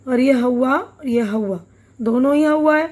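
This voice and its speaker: Her voice high-pitched and a bit mellow, a teacher moves through a textbook chapter, glossing each word in simple terms. She patiently pauses to pose checking questions.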